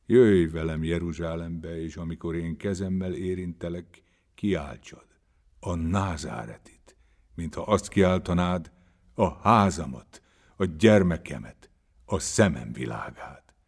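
A man voicing a gentle male spiritual teacher who speaks softly and mildly in a dramatized story reading. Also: sits low, vocal fry. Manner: soft, slow and mild.

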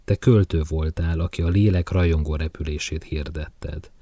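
A man voicing a gentle, merciful male teacher who speaks softly and slowly. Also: very deep voice, fairly even intonation, dry recording, clean studio sound. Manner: soft, slow, measured speech.

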